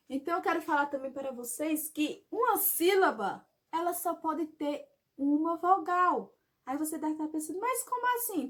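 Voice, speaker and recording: A woman's voice: high voice, a bit bright. A woman teaching a grammar lesson in a video, who asks questions and answers them herself and checks in with "tá?". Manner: ends phrases with a checking "tá?"; says example words slowly and clearly. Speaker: Portuguese teacher.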